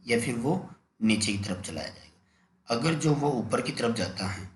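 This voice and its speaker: A man's voice: mid-range voice, animated, measured pace. A man teaching an exam-prep lesson, repeating key points and asking then answering his own questions. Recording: echoey room, faint noise.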